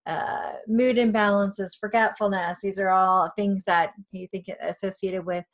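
A woman hosting a podcast interview, talking in an animated way and laughing easily. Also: mid-range voice, unhurried. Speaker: podcast host.

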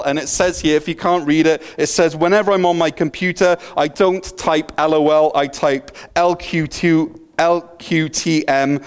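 This middle-aged man from Wales is a pastor giving a sermon, his voice fairly high and smooth, with a Welsh accent. He jokes at his own expense and often restarts, with a slight stutter.

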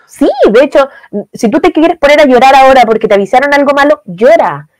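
A young adult woman with a Chilean accent, answering interview questions with lively, acted-out examples. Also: high voice, a little fast, no room sound. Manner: lively, uses voiced quotes and examples. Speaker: guest expert on positive communication.

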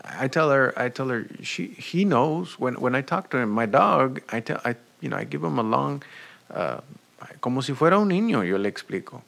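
A man preaching a bilingual sermon as a pastor, talking slowly and deliberately, moving between two languages and repeating each point. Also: medium pitch, sing-song, vocal fry, fairly bright tone. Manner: switches between Spanish and English, repeating points; slow, deliberate preaching with restarts. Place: United States.

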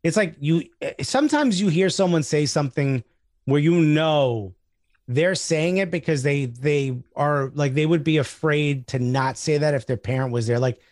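Animated, swearing male comedian guest. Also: on the high side, moderate pace, dry recording, clean studio sound. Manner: animated storyteller, swears freely, acts out quotes. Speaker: podcast guest. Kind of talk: casual chat.

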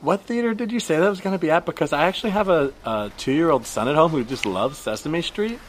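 A man playing a blunt, probing woman shopper and young mother who questions a stranger with deadpan persistence in an improvised comedy scene. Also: on the high side, quick pace, a little hiss or hum, lightly acted. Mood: polite.

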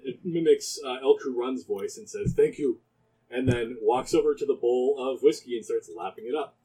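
A man's voice: medium pitch, moderate pace, mellow, breathy edge, low-quality recording. A man narrating as game master of a tabletop game, loose and amused, with many fillers.

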